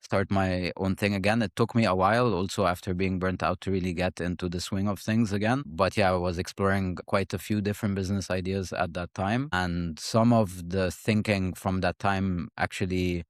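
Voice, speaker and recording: A man's voice: sits low, steady tone, moderate pace, hardly any pauses, no room sound, studio quality. A man in his thirties from Egypt, a startup founder giving thoughtful, conversational interview answers with frequent fillers and restarts.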